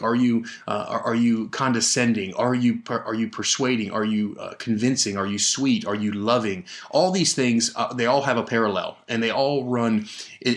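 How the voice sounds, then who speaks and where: A man's voice: on the low side, fairly bright tone. A man hosting a solo sales podcast, speaking into a microphone with emphatic energy, frequent restarts and rhetorical questions. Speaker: podcast host and sales trainer. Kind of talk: solo podcast coaching talk. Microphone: studio microphone.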